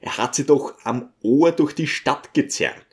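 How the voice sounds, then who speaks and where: A man voicing a smooth, scheming male visitor who talks in a coaxing, ingratiating way. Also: mid-range voice, unhurried, close to an everyday voice.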